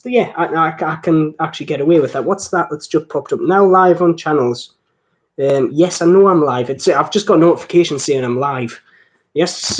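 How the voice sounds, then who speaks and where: A man from north-east England with a Geordie accent hosts a casual live stream for a watch channel, rambling, joking, and putting himself down as he chats to viewers. His voice sits on the high side and is a little mellow, and the recording is rough.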